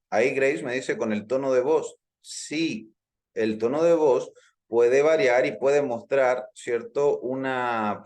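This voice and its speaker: A hypnosis instructor teaches a live online class, explaining at length, repeating his points and checking in with listeners. His voice is medium-pitched with a darkish tone.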